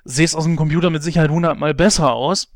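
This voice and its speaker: A man with a somewhat higher voice tells a story on a casual podcast and turns lively when he is amused. The sound is dry and close to the mic. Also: quick pace, no room sound. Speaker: podcast co-host. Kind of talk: casual podcast chat about films.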